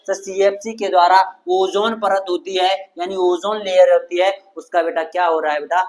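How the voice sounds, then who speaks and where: Young man, high pitch. Exam coaching teacher, repetitive call-and-response quizzing. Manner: call-and-response quizzing, repeats answers, calls students "my dear children". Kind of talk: exam-prep lecture.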